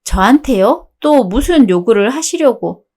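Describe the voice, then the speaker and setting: A woman narrating her own story in a calm, matter-of-fact way, as the wife in a radio drama. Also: a little high, a little slow.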